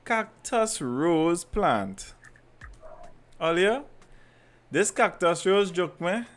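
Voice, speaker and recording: Trini guy, bit higher pitched, animated storytelling in creole, repeats himself for emphasis, just chatting. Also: extremely slow. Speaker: podcast host. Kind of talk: casual anecdote chat.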